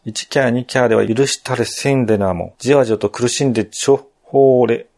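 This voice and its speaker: Villain: boastful frog emperor with a Nagoya dialect, voiced by a man, dark and warm. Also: medium pitch, brisk, natural voice. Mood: taunting. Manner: boastful, taunting, dialect-heavy speech.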